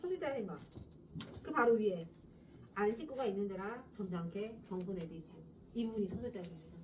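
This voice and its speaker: A woman teaching Korean literature in a lively, chatty classroom lecture, often quizzing her students. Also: mid-range voice, brisk. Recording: distant classroom recording, faint noise.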